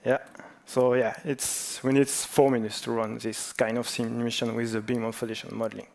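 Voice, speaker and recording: A man's voice: mid-range voice, little pitch movement, normal speed, gravelly. Playful man hosting a quiz. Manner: playful, jokes about national clichés. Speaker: conference presenter. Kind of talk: conference talk with joking quiz.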